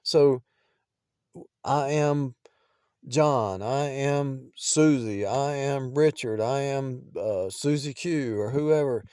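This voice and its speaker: A middle-aged man takes his time in a rambling, improvised preaching monologue, reusing phrases and restarting lines while his voice frequently gets quieter. The medium-pitched tone is clean, and the studio-quality recording has no echo.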